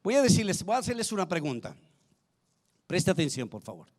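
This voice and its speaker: A man preaching a sermon to his congregation, often calling for an amen and swinging between loud and soft. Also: high-pitched, sing-song, fairly quick. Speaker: pastor.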